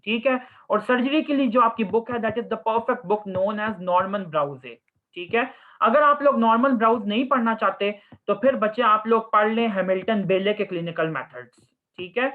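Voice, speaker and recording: A young man, a surgery resident, giving casual advice to students in Hindi-Urdu with English phrases, often saying "okay". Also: high-pitched. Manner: mixes English phrases into Hindi-Urdu, calls listeners 'children'; repeats 'ठीक है' often. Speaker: surgery postgraduate resident answering students' questions. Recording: phone-like narrow audio.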